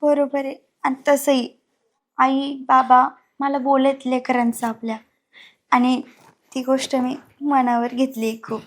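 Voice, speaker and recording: An actress playing a scheming young wife who talks sweetly and slyly. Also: female voice, high voice, level tone, takes it slowly. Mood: pleading. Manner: wheedling, sly.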